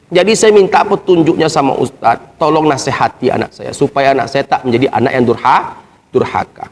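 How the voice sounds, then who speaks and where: A man's voice: sits high, pitched below the performer's own voice. A man voicing a mother who pleads and complains about her temperamental, disrespectful son. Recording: long hall reverb.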